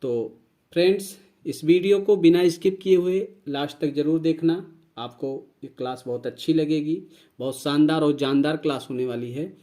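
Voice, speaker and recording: Guy teaching english words, kinda high voice, repeats and spells everything. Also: steady tone, mellow. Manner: slow, repeats each word and spells it out. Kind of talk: vocabulary lesson.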